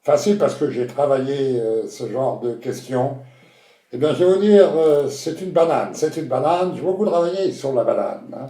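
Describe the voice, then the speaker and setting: A man's voice: medium pitch, lively intonation, moderate pace, mellow, recorded from a distance, natural voice. A man voicing an eager, overconfident male quiz contestant who blurts out his answers and repeats himself. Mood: overeager. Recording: roomy echo.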